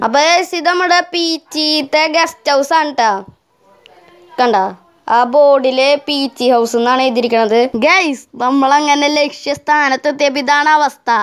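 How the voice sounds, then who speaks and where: A woman with a Kerala accent chats directly to viewers while narrating a casual travel vlog in Malayalam sprinkled with English words. Her voice is high-pitched and a bit bright.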